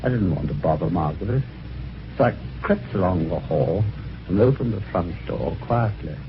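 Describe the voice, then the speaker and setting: On an old, lo-fi recording with a noisy background, an actor in a 1950s radio drama plays a genial, chatty, helpful British husband narrating his own adventure in the first person. His low-pitched voice is expressive and moderately paced, with wry, gentlemanly phrasing that suits the storytelling mood.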